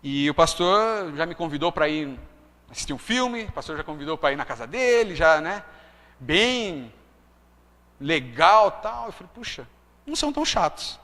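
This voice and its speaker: A man's voice: on the high side, animated, unhurried, pushed and bright, big-room sound. A man preaching a testimony sermon, chatty and full of tag questions. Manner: conversational, frequent tag questions.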